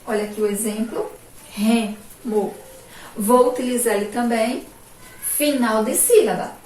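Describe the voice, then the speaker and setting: Recorded from a distance in an echoey room with faint background noise, a Brazilian woman teacher from Sergipe gives a remote lesson to children. Her voice is slightly high with a darkish tone, and she speaks slowly, drawing out emphatic syllables and often saying "ó" and "olha aqui".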